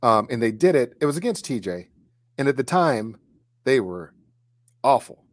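A man's voice: mid-range voice, big pitch swings, moderate pace, no room sound. A man telling a story in a casual chat, with many fillers and restarts. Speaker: co-host recalling high school kicking.

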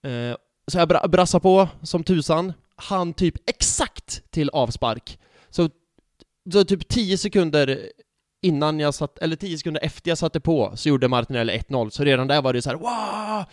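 Animated, swearing male football podcaster. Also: a little high, dry recording, clean studio sound. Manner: animated storyteller, swears freely. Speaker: podcast co-host. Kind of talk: casual football chat.

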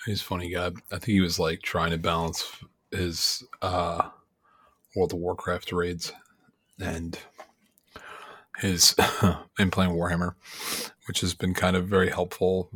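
Male podcast co-host, very low husky voice, rambling casual chat. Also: monotone, unhurried, a bit bright. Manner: rambling, laughs easily, many fillers.

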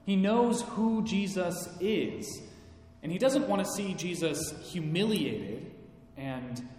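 Slow-preaching man in an echoey hall. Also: high voice, expressive, darkish tone. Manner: slow, emphatic preaching with dramatic voiced quotes. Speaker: pastor. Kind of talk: sermon. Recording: echoey hall with faint background noise.

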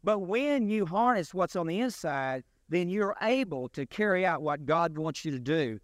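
Deliberate, emphatic male preacher. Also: high-pitched, expressive, no echo, studio quality. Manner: deliberate, emphatic preaching with rising and falling stresses. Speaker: pastor. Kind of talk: sermon.

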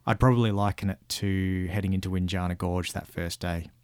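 Deep-voiced man with broad Australian accent. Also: fairly even intonation, fairly quick, a little mellow, clear, resonant tone, dry recording, clean studio sound. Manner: laid-back, colloquial. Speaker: guest recounting an outback road trip. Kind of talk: casual travel advice chat.

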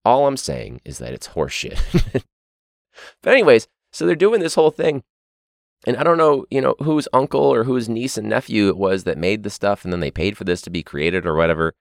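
A man's voice: fairly low pitch, lively intonation, fairly quick, gravelly, no room sound, studio quality. A man hosting a teachers' podcast, ranting sarcastically and swearing, his voice sore. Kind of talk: casual monologue.

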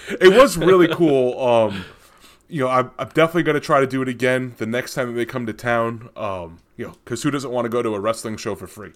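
A man's voice: mid-range voice, brisk. Casual male podcast co-host telling a story. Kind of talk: casual chat.

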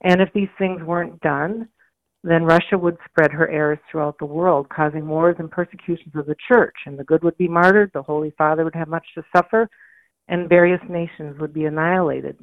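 A woman radio guest with a low, gritty, gravelly voice, hoarse, explaining religious matters conversationally. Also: fairly even intonation, a little fast, no room sound. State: hoarse from a mild allergy. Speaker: interview guest, communications director. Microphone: phone call. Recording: tinny phone line, radio interview.

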